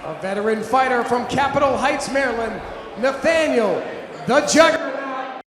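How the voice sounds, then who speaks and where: A man working as a boxing ring announcer, with formal, theatrical delivery and drawn-out, booming name calls. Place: large indoor event venue, over PA. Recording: echoey arena PA, noisy crowd.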